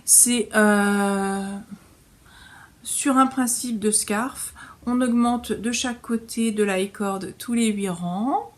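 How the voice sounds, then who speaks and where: A woman's voice: mid-range voice, slow. A middle-aged woman hosting a knitting podcast, chatting casually as she shows her work, with many fillers and restarts. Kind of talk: casual show-and-tell chat.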